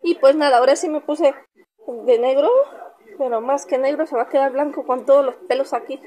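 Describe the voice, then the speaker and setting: A woman's voice: high voice, fairly even intonation, a little fast, dark tone. A young woman with a Mexican Spanish accent, casually chatting in a pet vlog and cooing at her dog. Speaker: vlogger.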